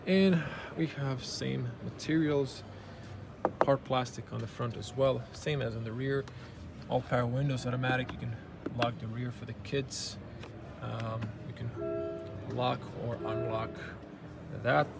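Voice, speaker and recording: A man in his thirties with a gravelly, mid-range voice gives a casual, unhurried car review at an indoor auto show, his intonation fairly even. He walks around and sits inside, pointing out details one by one in running commentary. A handheld camera mic captures him amid the noisy hall's ambience and background music.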